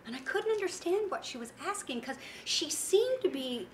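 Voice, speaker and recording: High-voiced woman giving an animated talk. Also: moderate pace. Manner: animated storytelling with acted-out quotes. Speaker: speaker and founder of a women's business network. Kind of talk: motivational talk to an audience. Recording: roomy echo, faint background noise.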